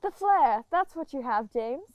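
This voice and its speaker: A woman's voice: high voice, animated, a little slow, no room sound, highs cut off. A woman playing a genteel, soothing Edwardian wife and mother in an amateur period drama, polite and placating. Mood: placating, flattering.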